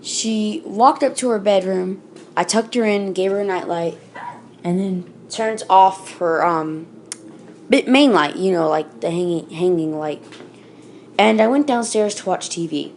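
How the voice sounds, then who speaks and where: A woman's voice: mid-range voice, a little slow, darkish tone, a little hiss or hum. A woman telling a creepypasta in a casual, unscripted way, with fillers and self-corrections along the way. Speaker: storyteller. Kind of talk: casual spoken creepypasta reading.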